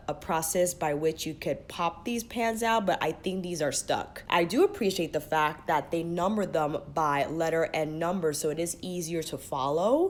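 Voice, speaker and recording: A woman's voice: deep voice, slight background noise. A woman with a stuffy nose from a cold, casually reviewing a makeup palette to camera in a chatty, explaining way. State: stuffy nose, under the weather. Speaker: beauty vlogger.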